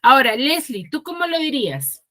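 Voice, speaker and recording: Peruvian woman teacher, high-pitched. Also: big pitch swings, moderate pace, fairly bright tone. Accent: Peruvian Spanish from Huaraz. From Peru. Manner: checks in constantly with tag questions; questions students by name. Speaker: secondary school teacher. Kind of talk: online class lecture. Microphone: video call.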